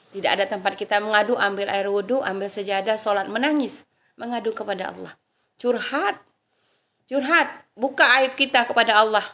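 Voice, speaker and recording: A woman giving an earnest, informal religious talk, softly reciting prayer phrases along the way. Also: medium pitch. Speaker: religious speaker.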